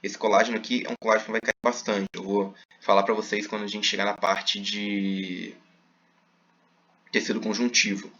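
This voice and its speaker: A man's voice: fairly low pitch, level tone, moderate pace, a bit bright. Guy teaching a class, lots of "é" fillers, checks if you got it, muffled lo-fi sound. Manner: explanatory, many fillers, checks understanding. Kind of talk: recorded class lecture.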